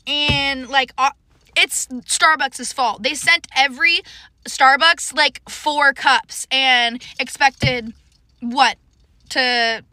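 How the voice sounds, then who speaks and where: A woman's voice: high-pitched, steady tone, slow pace, pushed and bright, no echo. A woman barista defiantly ranting direct to camera at her viewers. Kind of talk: casual direct-to-camera rant.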